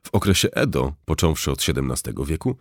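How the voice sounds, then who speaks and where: A man giving scripted nonfiction narration as a narrator, reading in a measured way and slowing down carefully to spell out foreign terms. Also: rumbling low, very animated, no room sound, studio quality.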